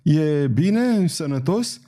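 A man's voice: on the high side, expressive, warm tone, pitched above the performer's own voice, close to an everyday voice. A man reading an audiobook, voicing a timid, lovesick man who speaks sheepishly and stammers. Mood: stammering.

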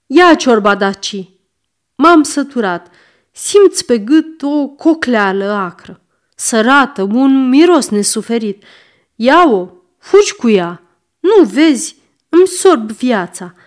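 A woman's voice: a little high, expressive, close to an everyday voice. A woman voicing a sick old male miser, querulous and snapping commands. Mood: irritable.

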